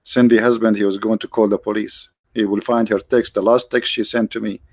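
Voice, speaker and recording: A livestream host on a dry close mic, with no room sound, delivers a casual monologue in a lowish, flat, slightly mellow voice. He is sarcastic and mocking, halting along with many restarts.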